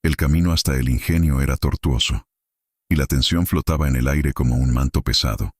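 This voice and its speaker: A man narrating a horror story in a dramatic, measured storytelling manner. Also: a bass voice, breathy edge, no echo.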